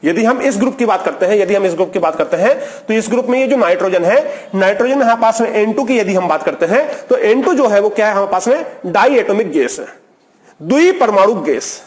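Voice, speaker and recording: High-voiced man giving a chemistry lecture. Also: animated, fairly quick. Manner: repetitive question-and-answer explaining, mixing English terms; asks the class a question, then answers it himself. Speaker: chemistry teacher. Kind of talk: recorded video lecture.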